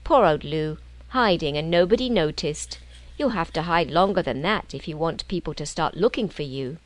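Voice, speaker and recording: A woman's voice: low-pitched, lively intonation, normal speed, no room sound. A woman voicing a reasonable, teasing older brother in a storybook, good-humoured and a little patronising.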